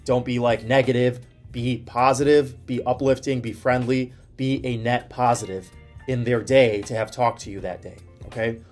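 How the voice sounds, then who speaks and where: Animated man giving study advice, music behind. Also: medium pitch, moderate pace. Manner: animated storytelling with frequent "like" fillers. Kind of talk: casual advice to camera.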